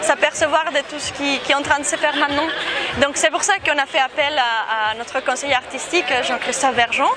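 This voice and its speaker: High-voiced woman on a busy street. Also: fairly even intonation, fairly quick. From Mexico. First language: Spanish. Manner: hesitant, many fillers and restarts. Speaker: festival director. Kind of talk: casual interview. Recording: outdoor street noise and crowd chatter.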